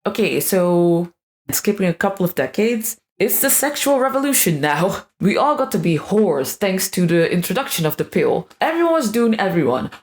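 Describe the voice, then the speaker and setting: A woman's voice: medium pitch, sing-song, moderate pace. A woman delivering a scripted video monologue with sarcastic, crude asides. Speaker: video creator.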